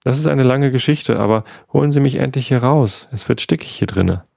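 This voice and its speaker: A man's voice: mid-range voice, fairly quick, vocal fry, a little mellow, no echo, clean studio sound, voice pushed up. A man doing an indignant little rabbit. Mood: relieved. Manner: outraged, pleading calls. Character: indignant male pet rabbit, excitable. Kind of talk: bedtime story reading.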